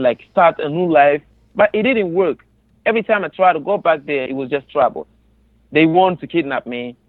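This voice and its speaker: A man in his twenties from the Congo, speaking earnestly and haltingly in an interview over the phone. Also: on the high side, dry recording. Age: 20s. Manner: earnest, halting with many restarts. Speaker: guest. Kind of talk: interview about personal experience. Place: on a phone call. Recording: tinny phone line.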